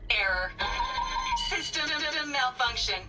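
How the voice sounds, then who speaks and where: A woman's voice: high-pitched, animated, slow pace, pushed and bright, far from the mic, faint music behind, exaggerated voice, rough recording. A woman voicing a cheerful female theme-park robot guide in a video game, with a malfunctioning machine voice and chipper, salesy greetings.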